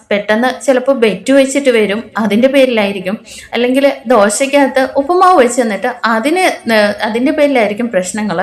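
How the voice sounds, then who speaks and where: A woman with a fairly high voice and an Idukki Malayalam accent retells a TV serial episode in a chatty storytelling way. She quotes each character in her own voice. The recording has a noticeable echo from the room. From Kerala, India. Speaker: serial recap narrator.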